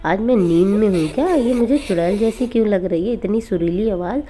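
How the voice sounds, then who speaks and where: A woman's voice: mid-range voice, fairly quick, mellow, close to an everyday voice. A woman voicing a rude, bullying village father in a cartoon horror story, blustering and scolding.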